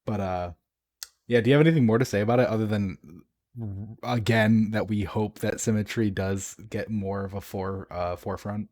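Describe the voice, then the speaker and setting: Brief: young adult man, low-pitched, enthusiastic podcast co-host who swears and stumbles over restarts. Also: normal speed. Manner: excitable, swears freely, restarts a lot. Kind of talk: casual chat.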